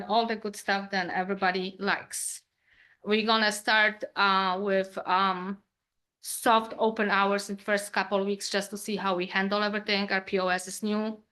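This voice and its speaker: A woman's voice: mid-range voice, little pitch movement, normal speed, fairly bright tone. A woman from Poland with a Polish accent, speaking English informally with frequent fillers as a restaurant owner addressing a town council. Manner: informal non-native English, hesitant fillers. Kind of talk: public comment at a meeting.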